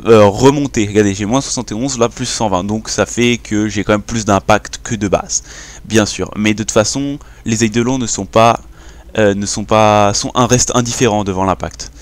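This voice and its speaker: A man's voice: on the low side, normal speed. Casual young man explaining a game. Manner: informal, hesitant, restarts often. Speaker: gaming YouTuber. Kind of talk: casual screen-recorded game tutorial.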